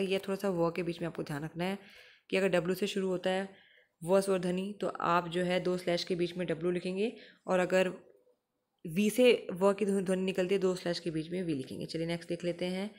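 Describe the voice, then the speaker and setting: A woman teacher, explaining English phonetic symbols and patiently repeating example words slowly. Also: fairly low pitch, level tone, a little mellow.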